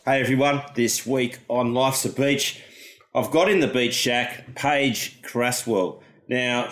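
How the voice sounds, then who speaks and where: A man's voice: mid-range voice, reverberant. An Australian man hosting a podcast, talking with a guest in a friendly, bantering way. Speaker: podcast host. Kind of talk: casual interview chat.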